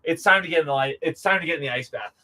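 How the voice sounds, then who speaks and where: A man's voice: a little high, racing, pushed and bright. A man hosting a casual livestream like a showman, hyping things up and repeating phrases for emphasis, in a noisy recording. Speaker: livestream host. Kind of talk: hyped casual livestream patter. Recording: clearly noisy live stream recording.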